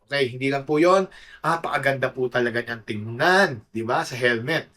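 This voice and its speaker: A Filipino man reviews motorcycle gear to camera in a casual, informal way, often tossing in short tag questions. His voice sits in the mid range with a fairly bright tone.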